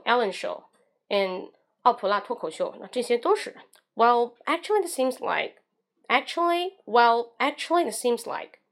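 Woman teaching English on a livestream. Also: medium pitch. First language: Mandarin Chinese. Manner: switches between Mandarin and English, demonstrates phrases.

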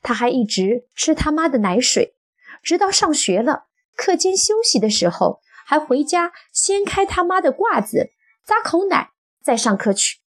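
A woman voicing a quarrelsome young wife, breathy, firing off rapid, shrill retorts. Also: expressive. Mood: indignant.

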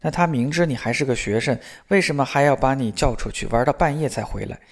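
A worried mother lectures her daughter, anxious and reproachful, sighing as she pleads. A man reads her part in a storybook reading, keeping his own middle-pitched voice. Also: quick pace, creaky. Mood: scolding.

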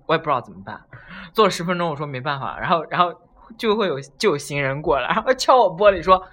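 Lively man telling a story. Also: a little high, fast. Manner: animated, acts out voices while telling a story. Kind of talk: casual storytelling chat.

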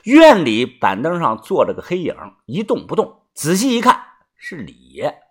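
A man narrating a first-person audiobook story in a colloquial way, filling pauses with drawn-out particles. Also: a little high, wildly swooping pitch, fairly bright tone, breathy edge.

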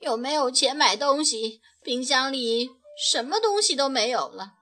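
A woman's voice: high-pitched, expressive, measured pace, pushed and bright, exaggerated voice. A woman voicing a flustered young mother who sounds apologetic in a storybook reading.

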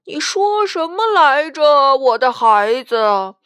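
A woman voicing an old male ghost, a legendary storyteller, speaking slowly and commandingly in a deep voice. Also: very animated, a bit bright, no echo, clean studio sound, heavily acted. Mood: solemn. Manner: slow, commanding, booming.

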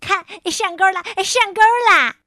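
Woman voicing a cheeky, high-pitched storybook cat. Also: unhurried, no room sound, studio quality. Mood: shrill excited. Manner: playful, wheedling, bursts into loud cries. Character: mischievous, cheeky young male cat. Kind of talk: children's storybook reading.

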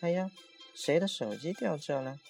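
A man's voice: fairly high pitch, lively intonation, normal speed, gravelly, darkish tone, soft background music, pitched above the performer's own voice. A man voicing a cheerful, goofy young female college student in a spoken horror story, with a breezy, playful way of talking.

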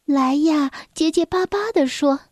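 A woman storyteller reads a children's story slowly and gently in a high voice. The sound is close and dry, with no room around it. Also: no room sound.

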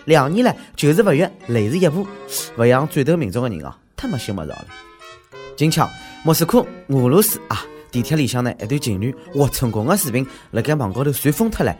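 A man's voice: mid-range voice, sing-song, brisk, a little mellow, soft background music. A man with a Shanghainese accent delivering exclamatory, mocking, slangy comic news commentary as a show host.

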